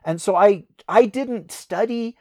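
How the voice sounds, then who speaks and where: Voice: medium pitch, slow, a little mellow. An American audiobook narrator telling a story in a casual podcast chat, with laughing asides.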